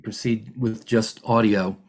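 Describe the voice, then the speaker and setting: A man's voice: lowish voice, fairly even intonation, a little slow, creaky, slightly rough. A man working as a hearing examiner, running formal proceedings over a video call in a polite, methodical way with frequent fillers and restarts.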